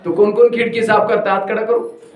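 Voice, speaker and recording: A man with a high voice gives a spiritual discourse in a hall with plenty of echo. He tells simple stories and turns to the listeners with questions. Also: level tone, fast talker. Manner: plain storytelling, asks the audience questions. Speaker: spiritual teacher. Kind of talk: spiritual discourse to a village congregation.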